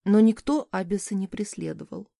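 Female audiobook reader with a warm, mellow voice, expressive first-person narration in a dry booth. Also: mid-range voice, normal speed, creaky, no echo. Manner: lively, expressive reading.

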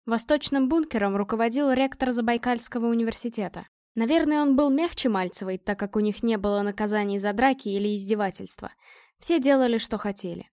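Woman narrating an audiobook in a steady voice. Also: a little high, brisk, no echo, clean studio sound. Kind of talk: scripted first-person audiobook narration.

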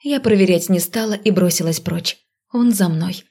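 A woman narrating a novel in the first person, measured and expressive. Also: fairly low pitch, vocal fry. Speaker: audiobook narrator.

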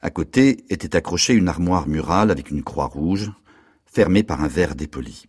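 A man narrating a novel extract on radio in a measured, deliberate way. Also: low-pitched, expressive, darkish tone, slightly rough. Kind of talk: literary reading on radio.

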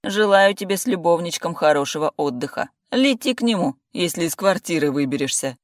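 A reader voicing a spiteful ex-husband with a hoarse, gruff voice and a mocking tone. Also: male voice, a little high, animated, fairly quick, no room sound, clean studio sound, lightly acted.

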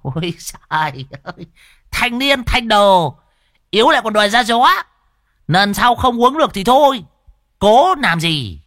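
A man voicing a middle-aged man who teases a young master in a drawn-out, mocking tone. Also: sits high, sing-song, a bit bright, no echo, clean studio sound, pitched above the performer's own voice, exaggerated voice.

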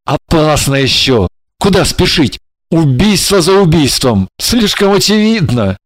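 A woman's voice: deep voice, sing-song, unhurried, no room sound, exaggerated voice. A woman voicing a scheming man who coaxes and placates his impatient lover in an audiobook. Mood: wary. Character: scheming male lover, smooth and evasive. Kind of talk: audiobook character voice.

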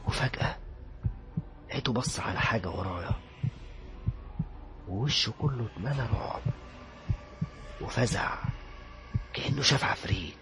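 A man with an Egyptian accent narrating a horror story in a dramatic way, dropping to a hush at tense moments. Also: lowish voice, normal speed, long pauses, noisy background. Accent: Egyptian Arabic.

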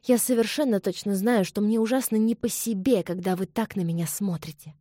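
A woman reading the part of a proud young English lady who exclaims in a high-strung voice. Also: a little fast, dark tone, no room sound, studio quality, close to an everyday voice. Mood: flustered.

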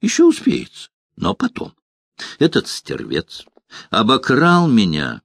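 A man's voice: mid-range voice, no echo, studio quality. A man voicing a stout, greedy male halfling merchant who talks in a coarse, blustering way.

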